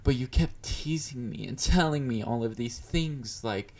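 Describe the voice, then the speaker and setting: In this intimate audio roleplay, a man voices an obsessive, confident, flirty yandere fan with a natural, darkish mid-range voice that moves a little slowly. He teases his beloved smugly, feigns consideration and murmurs endearments.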